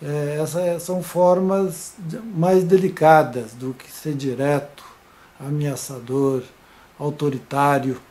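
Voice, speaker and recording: This man's somewhat high, mellow voice carries an informal video lesson at a slow pace with fairly even intonation. He's hesitant, often tripping over repeated fillers and starting his phrases over.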